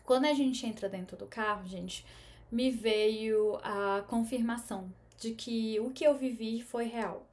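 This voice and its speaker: Chatty Brazilian woman, high voice. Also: a little slow, a little mellow. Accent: Brazilian Portuguese. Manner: chatty, earnest, with frequent tag questions. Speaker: spiritual teacher and medium. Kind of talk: personal storytelling vlog.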